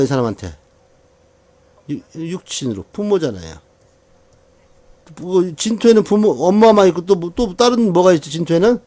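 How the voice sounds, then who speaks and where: Lively man teaching a lesson. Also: high-pitched. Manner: lively, asks the class questions and answers them himself; chuckles between points. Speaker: saju fortune-telling teacher. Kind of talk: lecture on a birth chart.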